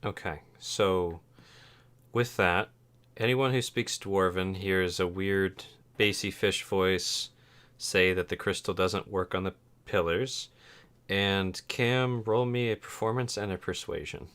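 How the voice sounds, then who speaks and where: A man's voice: low-pitched, fairly even intonation, slow pace, a bit bright, smooth. A man acting as game master, casually narrating and improvising a tabletop role-playing game.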